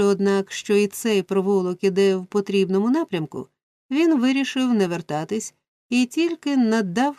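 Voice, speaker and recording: A woman narrating a classic novel as an audiobook in a steady, expressive storytelling manner. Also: mid-range voice, dry recording. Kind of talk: scripted narration.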